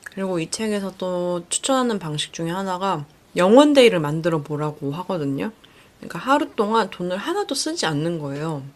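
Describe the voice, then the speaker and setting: A young woman hosting a casual podcast, chatting reflectively about a book she read and often acting out her own thoughts in lively voices. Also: lowish voice, brisk. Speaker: podcast host.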